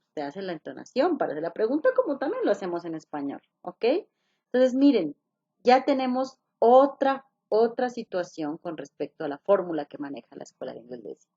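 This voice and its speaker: A woman's voice: medium pitch, mellow, husky. A woman teaches an English class over a video call and explains each step patiently. She repeats the key points and keeps asking her students questions. The call audio sounds a little muffled.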